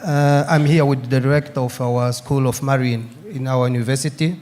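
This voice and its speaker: Mid-pitched Mozambican man giving a speech. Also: steady tone, normal speed, a little mellow. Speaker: university representative speaking at a congress. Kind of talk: formal prepared short speech.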